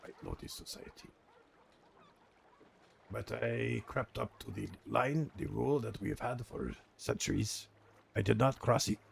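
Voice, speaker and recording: A man playing a grumpy, weary old crime organization veteran in an online role-play game, speaking gravely and haltingly in a gravelly voice. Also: on the low side, a little hiss or hum. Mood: grumpy, confiding.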